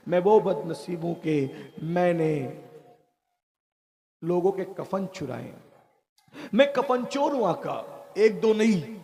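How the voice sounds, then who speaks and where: A man's voice: sits high, warm tone. A man voicing a remorseful young grave robber who pleads and confesses through tears.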